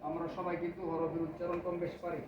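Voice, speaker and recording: A man's voice: on the high side, monotone, fast. A man teaching a class of children, asking them questions again and again and repeating key words. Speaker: teacher of Quran recitation. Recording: echoey room, distant mic, dull, noisy.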